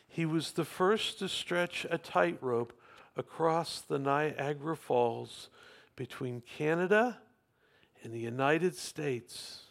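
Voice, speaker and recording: Slow, gravelly-voiced preacher man. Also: on the high side. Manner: storytelling with rising emphatic questions to the congregation; talks with the congregation. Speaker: pastor. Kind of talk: sermon.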